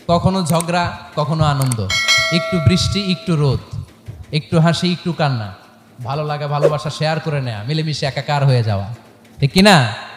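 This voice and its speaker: Animated preacher, booming echo. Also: male voice. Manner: animated, rhetorical questions to the crowd, playful asides. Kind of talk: sermon with storytelling. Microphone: microphone through loudspeakers. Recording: echoey public-address sound with long reverb and faint noise.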